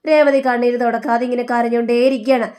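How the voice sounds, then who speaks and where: A woman with a fairly high, bright voice recaps a TV serial episode. She talks in a chatty, animated way, with casual restarts as she goes. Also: fast. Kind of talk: retelling a TV serial.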